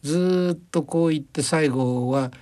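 A man's voice: on the high side, unhurried, darkish tone. A man as a guest journalist on a radio interview, telling anecdotes chattily and slipping into quoted voices and regional dialects. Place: radio studio.

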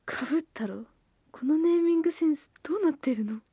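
A woman's voice: sits high, animated, moderate pace, warm tone, dry recording, clean studio sound. A woman playing a schoolgirl who reacts with quizzical, muttered asides while reading a strange book. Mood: puzzled. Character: puzzled schoolgirl reading in a library.

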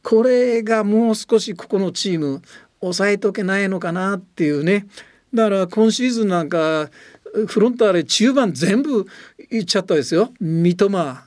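A man's voice: sits high, moderate pace, darkish tone, no echo, studio quality. An older man with a slight Tochigi lilt, a radio guest explaining at length in an earnest, emphatic way. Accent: Tochigi-tinged Japanese. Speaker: guest, former soccer coach and commentator. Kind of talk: radio studio talk.

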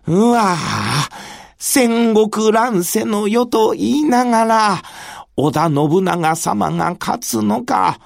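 A woman's voice: mid-range voice, lively intonation, slow, creaky, dry recording, clean studio sound. A woman storyteller voicing a young village lad who dreams of becoming a samurai, speaking in old-fashioned, wondering phrases. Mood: awed, hopeful. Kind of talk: traditional kodan storytelling.

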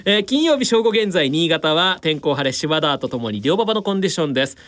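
A woman radio announcer presenting a racing show in a measured, polite announcer delivery. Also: deep voice, expressive.

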